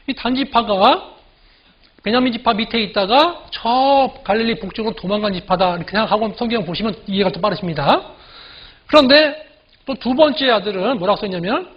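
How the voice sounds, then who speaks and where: A man with a high, husky voice delivers a sermon in a chatty, questioning style. He keeps turning to the congregation for agreement and slows right down to read scripture aloud. The recording sounds dull and lo-fi. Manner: conversational preaching, frequent "그죠?" asides to the congregation; slow deliberate scripture reading. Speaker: pastor.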